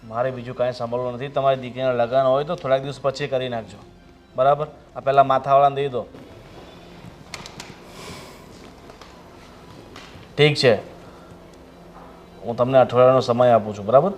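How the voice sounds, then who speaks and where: An actor with a Gujarati accent, playing an impatient, gruff family man under money pressure. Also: mid-range voice, steady tone, fast, darkish tone, highs cut off, faint music behind, close to an everyday voice. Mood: demanding. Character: stressed moneylender-debtor father, man. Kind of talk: Gujarati family drama acting.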